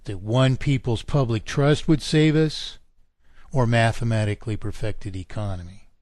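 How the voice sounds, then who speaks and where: A man lecturing at length on a radio show, emphatic and insistent, with his voice climbing high when he fires off indignant questions. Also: normal speed, a little mellow, no echo, clean studio sound. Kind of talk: talk radio monologue.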